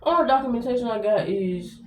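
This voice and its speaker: A woman's voice: a little high, expressive, a little fast. A young American woman telling a story casually to viewers, blunt and slangy, swearing heavily. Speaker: vlogger. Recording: roomy echo, distant mic, faint noise.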